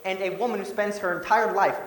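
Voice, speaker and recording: A man's voice: sits high, steady tone, brisk, fairly bright tone. A jaded detective played by a man speaks with dry sarcasm in a comic stage play. The voice rings in an echoey hall with faint background noise. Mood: sarcastic. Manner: dry, sardonic.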